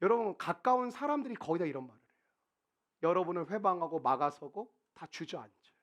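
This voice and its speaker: Lively high-voiced preaching pastor. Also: male voice, a little fast. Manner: conversational, animated, acts out quotes. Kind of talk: sermon. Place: church sanctuary.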